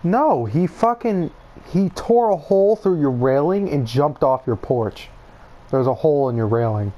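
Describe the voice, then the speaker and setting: A woman's voice: low-pitched, lively intonation, measured pace, dark tone. Woman gamer swearing and shrieking in panic. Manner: screaming, swearing, laughing through fear. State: tearful from screaming. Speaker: gamer streaming with a friend. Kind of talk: panicked co-op gameplay chat.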